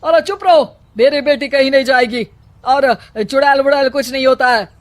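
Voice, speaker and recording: A woman voicing a blustering, alarmist village elder in a Hindi cartoon story, with drawn-out dramatic delivery. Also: high voice, lightly acted. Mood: indignant. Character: village headman and fake holy man, blustering, alarmist.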